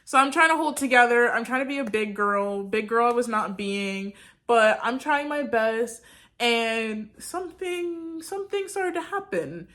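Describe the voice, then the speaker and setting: A woman's voice: fairly high pitch, animated, a little slow, a bit bright. A young woman vlogger casually telling a story, chatty, with lots of "like," acting out her own reactions.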